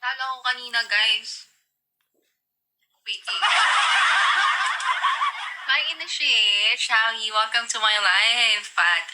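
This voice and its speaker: A woman's voice: fairly high pitch, slow, pauses often. A young woman in her twenties from the Philippines, hosting a casual livestream in a giggly, chatty way and greeting viewers by name. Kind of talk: casual live-stream chat. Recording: loud background noise with clicks.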